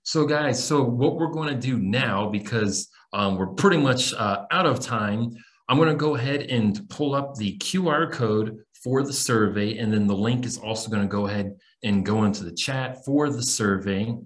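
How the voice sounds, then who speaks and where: A man's voice: mid-range voice, moderate pace. A man in his thirties with an American accent, casually hosting an online teacher webinar in an informal, encouraging way over a video call. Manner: informal, addresses listeners as guys. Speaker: webinar host and English teacher trainer. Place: small room on a video call.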